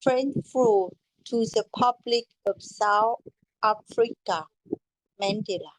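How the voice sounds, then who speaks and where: A woman practicing English in a lesson, hesitant and prone to repeating words as she searches for the right phrase. Her pace is extremely slow and halting. Faint background noise sits behind her. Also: mid-range voice, rough recording. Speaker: English learner.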